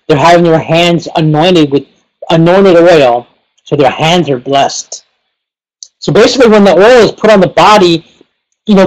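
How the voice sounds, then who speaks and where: A man's voice: a little high, poor audio. A man giving a casual webinar lesson, rambling and leaning heavily on fillers like "you know" and "like". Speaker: pranic healing teacher.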